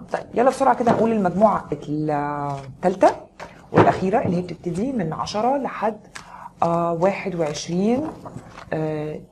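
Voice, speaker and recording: A woman's voice: fairly low pitch, lively intonation, a little fast, background noise. A woman with an Egyptian Arabic accent giving a tarot reading on a live stream, chatting with viewers and greeting them by name. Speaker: tarot reader.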